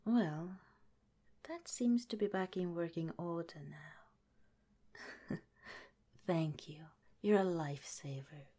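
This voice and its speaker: A woman plays a gentle, caring head scientist running a secret underground lab in an ASMR roleplay. She whispers softly and unhurriedly, lingering over every word, her voice lowish and husky.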